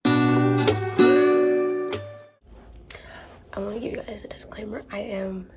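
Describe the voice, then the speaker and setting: Sick and congested, a woman who makes book vlogs chats casually and rambles as she thinks aloud, whispering at a slow pace in a mid-range voice. Loud music plays over her, and there is steady background noise in the recording.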